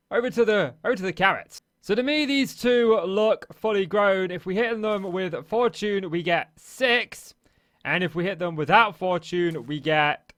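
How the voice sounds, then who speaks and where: A Minecraft let's play host with a high-pitched, pushed, bright voice that's slightly hoarse, as if he's losing it, gives easy running commentary. Chatty and casual, he calls out each action as he plays. The recording is dry, with no room echo.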